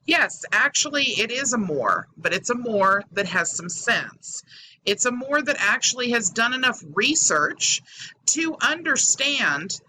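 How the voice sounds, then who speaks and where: A woman's voice: on the high side, big pitch swings, unhurried, sharp tone. A woman hosting a YouTube commentary, talking casually to subscribers, her voice metallic and hollow as if through a faulty microphone. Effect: metallic, tinny, hollow sound from faulty microphone. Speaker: YouTube host. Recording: tinny hollow microphone, fan noise behind. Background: whirring fan.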